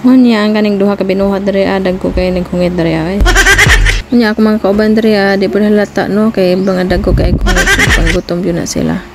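A woman's voice: mid-range voice, fairly even intonation, brisk. A woman in her thirties with a Cebuano accent, chatting casually through a family vlog with frequent laughs and English phrases mixed in. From Philippines. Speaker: family vlogger. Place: outdoor seaside barbecue spot at night. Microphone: phone held at arm's length. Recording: loud outdoor background noise.

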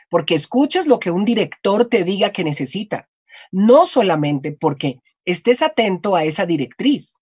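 Husky-voiced Colombian voice-over woman. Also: fairly low pitch, no room sound, studio quality. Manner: reflective, explanatory, animated. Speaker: voice-over artist. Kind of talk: conversational interview.

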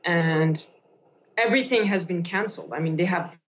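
A woman from Switzerland in her forties, an actress talking on a video call, pausing and repeating words as she thinks. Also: fairly low pitch, a little hiss or hum. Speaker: actress guest. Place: bright room indoors by a window. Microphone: laptop camera on video call. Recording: dull lo-fi video call audio.

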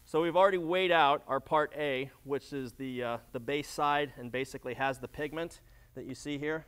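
A man's voice: medium pitch, moderate pace, a bit bright, clear, resonant tone. A middle-aged man giving a practical instructional demonstration, explaining as he works, with frequent fillers and restarts. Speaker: flooring demonstrator. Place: large warehouse floor, indoors.

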